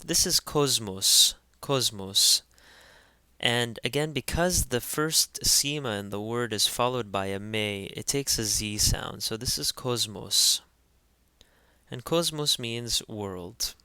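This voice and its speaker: A man teaching pronunciation in an instructional voice-over, carefully spelling out each sound and repeating every word slowly. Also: medium pitch, sharp tone, smooth, no room sound. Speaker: language teacher.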